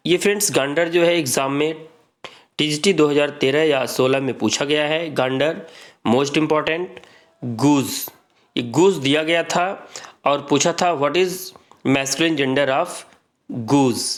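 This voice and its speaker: A man's fairly bright, slightly high voice carries an Indian accent as he drills students on word pairs, reading each pair out and having them repeat it. The lesson is exam-prep grammar.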